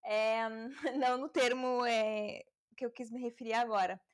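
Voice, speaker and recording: A woman's voice: a little high, fairly even intonation, a little slow. A woman hosting a homemade podcast from home late at night, reading fairy tales and commenting on them in a casual, irreverent way, swearing often and laughing at herself. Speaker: podcast host. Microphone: home mic.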